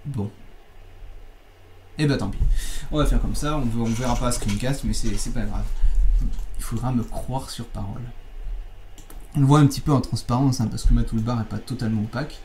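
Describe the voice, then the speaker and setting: A man with a mellow, warm voice walks through a software lesson in a screen recording. He talks casually, often restarting and correcting himself. A faint hiss sits under the recording. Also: medium pitch, normal speed, pauses often, low-quality recording. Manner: informal, chatty, with fillers and self-corrections. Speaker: software tutorial teacher. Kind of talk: screencast tutorial.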